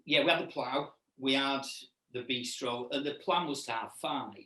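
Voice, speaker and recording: A middle-aged man, chatting casually as an interview guest and haltingly repeating words as he recalls things. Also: mid-range voice, sharp tone. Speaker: restaurant owner and chef, interview guest. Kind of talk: casual interview chat, reminiscing. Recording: echoey room, distant mic.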